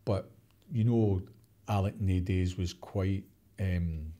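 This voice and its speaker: A Glaswegian man in his sixties tells his stories with a fairly low, mellow voice. He is animated and acts out what others said. He breaks into laughs often. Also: slow. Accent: Glaswegian Scottish. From Glasgow, Scotland. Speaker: interview guest, former footballer. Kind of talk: casual storytelling interview.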